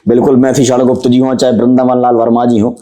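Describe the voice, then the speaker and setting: A young man being interviewed as a poet, who talks fast and recites his verse in a rhythmic, declaiming way. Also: mid-range voice, flat delivery, dark tone. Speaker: poet guest. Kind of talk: casual interview chat with poetry recitation.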